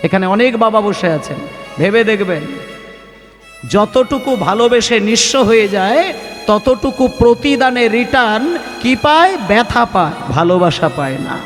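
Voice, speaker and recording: A man's voice: high-pitched, lively intonation, moderate pace, a bit bright, long reverb tail, faint music behind. A man preaching at a devotional kirtan gathering, impassioned and full of rhetorical questions to the audience. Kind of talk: devotional sermon with chanting. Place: devotional gathering with live music.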